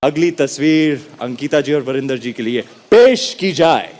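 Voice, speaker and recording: A man hosting a television quiz show, lively and playful, switching between Hindi and English. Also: mid-range voice, measured pace. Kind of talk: energetic game show hosting.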